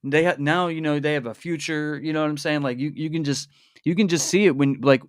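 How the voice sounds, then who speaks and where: A man's voice: on the high side, steady tone, brisk, clear, resonant tone, no room sound, clean studio sound. A young man hosting a casual livestream podcast, telling stories in a laid-back, slangy way. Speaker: podcast host.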